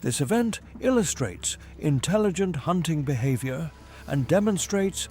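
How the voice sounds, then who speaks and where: Male nature documentary narrator, fairly high voice, lively intonation, measured formal storytelling, music underneath. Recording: music behind the voice. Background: background music.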